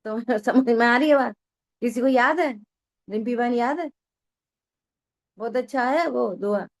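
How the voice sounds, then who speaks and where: A scripture study teacher with a somewhat high voice gives a religious discourse to her class at an unhurried pace. She keeps it conversational, often pausing to check that her point has landed, and scolds her listeners in a familiar, teasing way.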